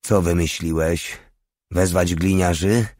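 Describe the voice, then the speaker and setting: A man reading aloud voices a hardened legionnaire, calm and coldly practical. The voice is low, in a dry, close recording. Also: takes it slowly, no room sound. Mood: cool. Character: cool, hardened male legionnaire.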